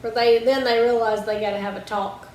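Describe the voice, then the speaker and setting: A woman's voice: a little high, fairly even intonation, fairly quick, darkish tone. A woman co-hosting a podcast, talking casually and trailing off with lots of fillers. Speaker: podcast co-host. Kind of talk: casual chat. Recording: roomy echo, faint background hiss.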